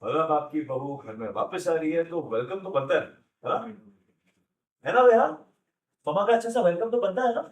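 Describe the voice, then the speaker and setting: An actor playing an upbeat, persuasive grown family member in a TV serial scene, mixing in English phrases. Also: male voice, a little high, expressive, normal speed, long pauses, close to an everyday voice. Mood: coaxing. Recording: echoey room from far off.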